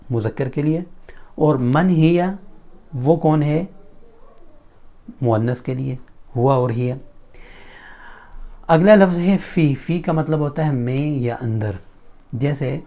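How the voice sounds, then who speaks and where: Male teacher, Pakistani Urdu accent, mid-pitched and mellow, deliberate drilling delivery. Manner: slow, deliberate drilling of example sentences with translations. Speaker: Arabic teacher. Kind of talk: spoken-language lesson.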